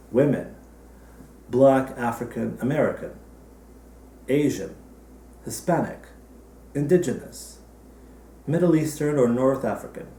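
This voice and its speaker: Slow, deadpan man hosting an awards show. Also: mid-range voice, echoey room, far from the mic. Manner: dry, deadpan topical jokes. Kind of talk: comedic opening monologue. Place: at home, recorded for a virtual ceremony.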